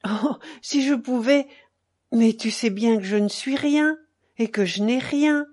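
A woman reading the part of a hurt, anxious young wife in an audiobook, hushed and pained. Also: on the high side, a little slow, natural voice.

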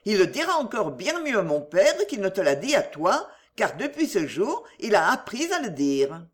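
Brief: woman voicing a vehement young storybook heroine, lively high pitch, pleading. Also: moderate pace, natural voice. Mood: pleading, indignant. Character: passionate young woman defying an arranged marriage.

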